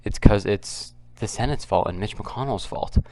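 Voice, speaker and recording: A man speaks in a quiet, low voice with a gravelly creak. He delivers casual, off-the-cuff commentary as a video host, often halting and circling back to repeat himself. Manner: kept quiet, subdued because others are nearby. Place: at home, others nearby.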